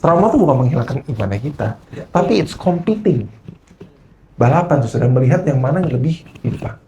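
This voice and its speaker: A man's voice: mid-range voice, brisk, a little hiss or hum. A man preaching a sermon at a church service, switching into English phrases and often checking in with the congregation as he tells stories. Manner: animated storyteller.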